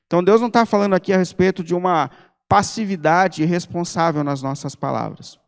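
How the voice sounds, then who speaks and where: A pastor preaches a sermon in Brazilian Portuguese, his voice high-pitched, smooth, and fairly quick. He is emphatic yet conversational, blending personal stories with forceful appeals, and a long reverb tail fills the church hall.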